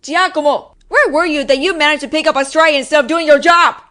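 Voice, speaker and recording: Bright and forceful, a high-pitched woman's voice moves a little fast as she performs a female mafia boss in a roleplay audio drama monologue. Exasperated, she sighs at everyone's incompetence in wry wiseguy slang, though she is apologetic and protective underneath.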